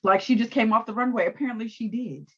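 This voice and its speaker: A woman co-hosting a casual recap chat, animated and laughing often as she acts out quotes. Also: fairly high pitch, fast talker, slightly rough, highs cut off. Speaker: podcast co-host.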